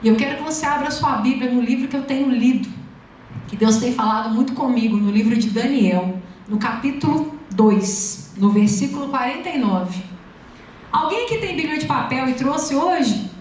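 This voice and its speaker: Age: adult. Sex: woman. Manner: lively humorous storytelling. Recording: echoey church hall, distant mic. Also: high-pitched, moderate pace, a little hiss or hum. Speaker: preacher. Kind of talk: sermon with personal testimony.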